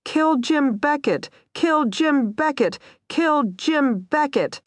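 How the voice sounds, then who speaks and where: Woman doing a hoarse desperate man, pitched way up, raw, pleading. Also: expressive, slow pace, no echo. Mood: raging.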